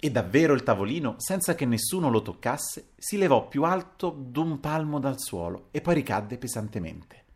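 A man reading a literary audiobook aloud in an expressive, dramatic storytelling manner. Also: medium pitch, moderate pace, few pauses, husky. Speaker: audiobook reader.

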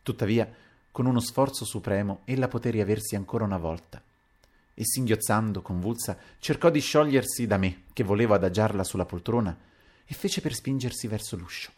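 A man with a low voice reads a literary novel aloud as a first-person audiobook narration. He moves expressively between hushed narration and raised, acted dialogue. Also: brisk. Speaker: audiobook reader.

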